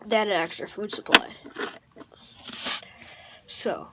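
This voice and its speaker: A woman's voice: medium pitch, wildly swooping pitch, vocal fry, heavy background noise. Rambling woman improvising a fan story. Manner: rambling, halting, many fillers and self-corrections.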